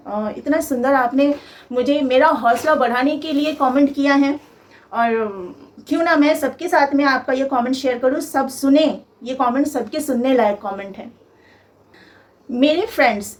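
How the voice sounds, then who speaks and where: A young woman vlogger telling a personal story in an emphatic, aggrieved way, piling up lists of complaints. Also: high voice.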